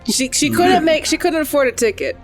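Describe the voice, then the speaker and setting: A woman with a high, lively voice chats casually as a player in a tabletop game. Clear music plays behind her. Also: brisk.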